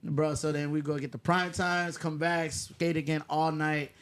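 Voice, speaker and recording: A man's voice: on the high side, level tone, normal speed, fairly bright tone, clear, resonant tone. Laid-back young man from California. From Fresno County, California. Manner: laid-back, slangy, rambling. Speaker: podcast guest, music producer. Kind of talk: casual podcast chat.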